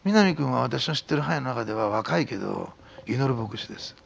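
Animated, gravelly-voiced preaching pastor. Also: male voice, medium pitch, brisk, a little hiss or hum. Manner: animated preaching, drops to a hushed whisper for emphasis, then shouts. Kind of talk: sermon.

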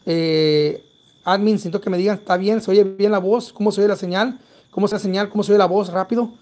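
A man with a Mexican accent hosting a live paranormal investigation stream, urgent, calling out loudly to a spirit and then dropping to hushed whispers. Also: high-pitched, fairly even intonation, fast talker. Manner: urgent, shifts between loud calls to a spirit and hushed whispers. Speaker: paranormal livestream host.

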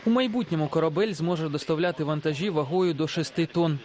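A man narrating a scripted news report in a clear, steady way. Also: fairly high pitch, quick pace. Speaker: correspondent.

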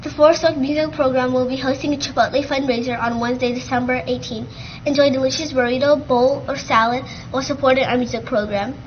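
A teenage girl with a high voice reads school announcements at a quick clip. She keeps the delivery upbeat and brisk. The audio is a little dull, with a faint rumble. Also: steady tone. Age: teens. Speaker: student news anchor. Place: school TV studio, green screen.

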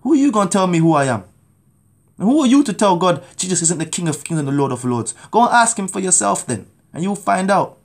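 Urgent and pleading, this Jamaican man in his thirties shares his testimony as a sermon from a small room at home, speaking into a phone camera at arm's length. His voice is high-pitched and very animated, moving at a quick pace.

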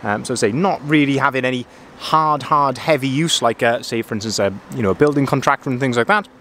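Filmed on a handheld camera he holds, a male sales manager from Wales talks through a van, first outside in the yard and then from inside the cab. He is chatty, leans on fillers, repeats himself and keeps saying "as I say." His mid-range voice sounds brisk and sharp, with slight noise behind it.

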